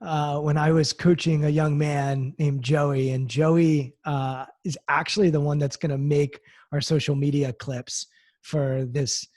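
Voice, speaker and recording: Friendly guy hosting a video panel, kinda high voice, dry room. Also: little pitch movement, measured pace, a little mellow, dry recording. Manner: upbeat, friendly. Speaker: host. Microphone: video call.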